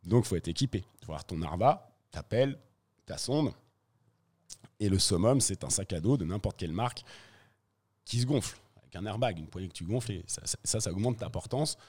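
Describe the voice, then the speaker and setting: A man, a professional freeride skier, telling a story in a casual interview, slangy and animated, acting out the scenes as he goes. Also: fairly low pitch, a little fast, breathy edge.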